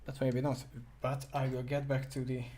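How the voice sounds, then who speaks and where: A man's voice: mid-range voice, completely flat delivery, moderate pace, dark tone. Hesitant Hungarian man demoing gear. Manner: hesitant, apologetic, thinking aloud with fillers. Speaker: product demonstrator. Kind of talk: live-stream product demo.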